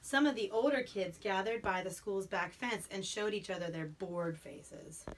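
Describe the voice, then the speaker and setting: A woman with a medium-pitched voice, speaking at a normal pace, reads aloud from a picture book to a small child in a lively storybook style. She breaks in with easy, child-directed comments and questions, captured by a distant, noisy home microphone alongside room sounds and the youngster's voice.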